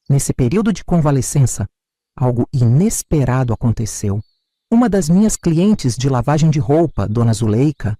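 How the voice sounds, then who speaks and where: A man narrating a dramatic first-person story in a scripted, expressive way. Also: mid-range voice, no echo, clean studio sound.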